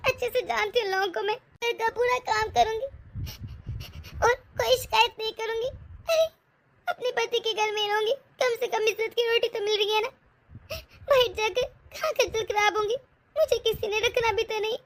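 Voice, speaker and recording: A woman voicing a grieving young widowed wife who talks softly and tearfully in a cartoon story. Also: extremely high pitch, fairly even intonation, moderate pace. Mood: resigned, tearful. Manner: soft, tearful, self-effacing.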